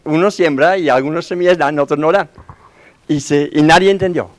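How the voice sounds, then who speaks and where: Casual sermon from a guy preaching, bit higher pitched, keeps asking the congregation questions. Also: a little fast. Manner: conversational preaching with frequent rhetorical questions to the congregation; acts out quoted voices in his story. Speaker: pastor.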